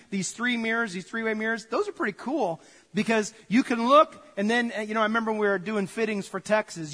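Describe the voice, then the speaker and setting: High-voiced pastor with long church reverb. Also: male voice, a bit bright. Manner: conversational, jokey storytelling to the congregation. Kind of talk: sermon.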